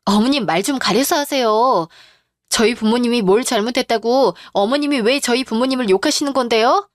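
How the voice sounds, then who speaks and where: A woman's voice: on the high side, fairly quick, dry recording, clean studio sound, close to an everyday voice. A woman voicing a young wife who answers her mother-in-law politely but firmly in a radio drama. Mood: indignant. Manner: polite but firm, formal speech.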